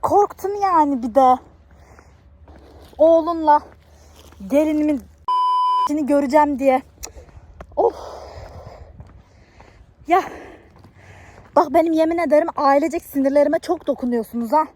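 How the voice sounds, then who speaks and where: A woman's voice: sits high, measured pace, pauses often, a little mellow, voice pushed up. A woman playing an exasperated young wife who vlogs and scolds her husband in a comedy sketch. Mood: ranting.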